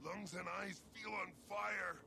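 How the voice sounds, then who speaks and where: A suffering game soldier near death. The voice is weak and breathless, very slow and creaky, under loud noise. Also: male voice, high voice, fairly even intonation, heavily acted. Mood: pained, weak. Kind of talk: scripted game acting.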